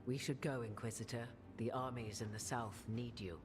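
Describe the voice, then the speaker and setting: A woman's voice: rumbling low, fairly even intonation. An actress voicing a solemn, commanding woman who advises the Inquisitor in a fantasy game, over game music. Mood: grave. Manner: grave, measured, commanding. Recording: game audio with music underneath.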